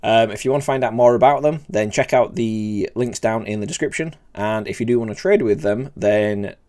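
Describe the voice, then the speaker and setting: Speaking at a moderate pace in a lowish, slightly mellow voice, this middle-aged host of a trading tips series has an old Yorkshire accent. His informal educational monologue to camera is blunt and plain, with frequent "right?" and "okay?" check-ins.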